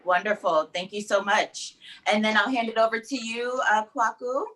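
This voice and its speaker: A woman's voice: medium pitch, fairly even intonation, moderate pace, fairly bright tone, low-quality recording. A woman hosting an online panel in an upbeat, polite manner. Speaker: panel host.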